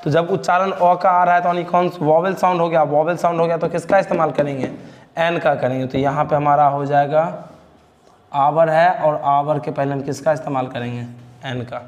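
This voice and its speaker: A man's voice: fairly high pitch, steady tone, normal speed, long reverb tail, highs cut off. A male teacher with a Bihari Hindi accent giving a grammar lesson, asking questions and answering them himself, repeating key words.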